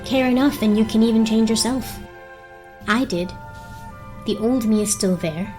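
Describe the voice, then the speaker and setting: A woman voicing a stern, earnest pony princess in a dramatic comic reading, speaking in a formal, measured manner. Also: on the high side, a little mellow, soft background music, lightly acted.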